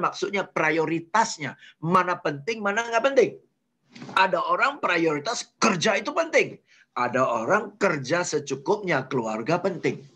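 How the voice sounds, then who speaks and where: A man delivers a leadership webinar in a lively lecturing style, often checking in with his audience. His voice is somewhat husky and pitched a touch above the usual. He jumps into high, animated voices when acting out arguments. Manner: acts out quarrels in sudden high voices. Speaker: leadership trainer.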